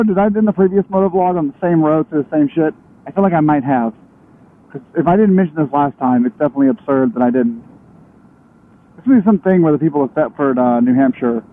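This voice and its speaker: A young man chatting casually and in a rambling way while riding a motorcycle, his voice muffled inside a helmet. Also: on the high side. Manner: rambling, conversational, self-interrupting. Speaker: motorcycle vlogger. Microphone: helmet microphone. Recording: thin radio-like sound inside a helmet.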